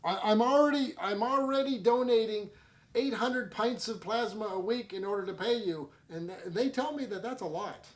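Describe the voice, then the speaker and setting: Guy with a high voice hosting a goofy snack review, rambles and makes fun of himself. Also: moderate pace. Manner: self-mocking, jokey, rambling with fillers. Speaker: host. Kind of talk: casual comedic food review chat.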